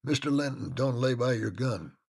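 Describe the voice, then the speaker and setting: A man voicing a gruff, suspicious manservant who shouts loud, blustering accusations. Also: medium pitch, normal speed, voice pushed up.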